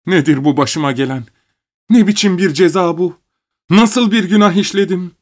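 A man's voice: a little high, animated, normal speed, darkish tone, husky, pitched above the performer's own voice. A man doing a frantic pleading peasant father. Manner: sobbing, crying out in broken phrases.

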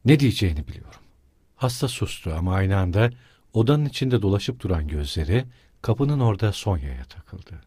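A man reading a novel aloud as narrator, in a measured, dramatic way. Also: low-pitched, lively intonation, mellow, slightly rough, no echo, clean studio sound. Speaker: audiobook narrator. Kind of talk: scripted narration.

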